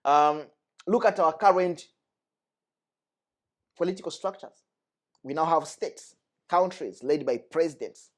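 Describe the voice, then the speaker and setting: A young guest from the Democratic Republic of Congo discusses things earnestly and with emphasis, restating what matters most to him. He speaks a little slowly, with long pauses, in a voice on the high side.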